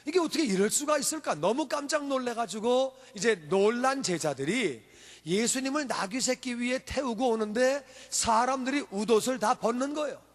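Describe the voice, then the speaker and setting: A man's voice: very high voice, animated, moderate pace. A male pastor preaching a sermon, telling the story with emphatic rhetorical questions. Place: church sanctuary. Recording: long church hall reverb.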